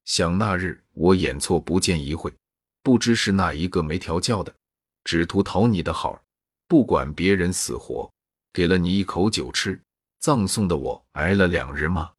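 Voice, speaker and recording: A fussy old nursemaid who grumbles and scolds about wine, as a man reads her in a storybook. The voice is deep and husky in a dry room. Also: animated, normal speed, no room sound. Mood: scolding. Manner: read in the narrator's own voice.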